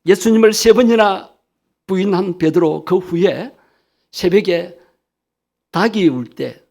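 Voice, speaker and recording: Gravelly-voiced pastor preaching earnestly. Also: male voice, high voice, slow, darkish tone. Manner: earnest preaching, voices Jesus's questions with rising emphasis. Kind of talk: sermon.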